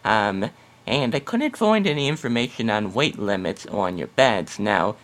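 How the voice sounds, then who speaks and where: A man's voice: on the low side, sing-song, a little slow, fairly bright tone. A man voicing a chatty, skeptical female customer on a prank phone call, hesitant and exclamatory. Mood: hesitant, polite. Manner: hesitant, exclamatory, calls the listener honey.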